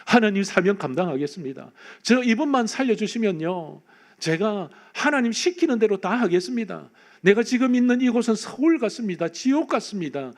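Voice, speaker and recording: Man preacher doing a complaining man, pleading, pained, high voice. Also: very animated, a little fast. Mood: desperate pleading. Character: complaining man begging God to die.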